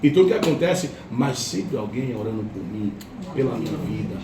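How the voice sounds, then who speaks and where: A man's voice: lowish voice, lively intonation, a little fast, a crowd in the background. A man with a Brazilian Portuguese accent giving an impassioned church testimony at a home worship gathering. He repeats phrases for effect and acts out the voices of others. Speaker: lay preacher giving testimony. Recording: roomy, distant, faint noise.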